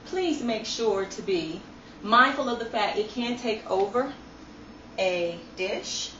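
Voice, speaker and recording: A woman's voice: a little high, animated, slow pace, sharp tone, echoey room, dull audio, slight background noise. A woman demonstrating a recipe in her home kitchen, chatty and instructive, recorded on a phone camera from a distance. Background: clattering dishes and cutlery.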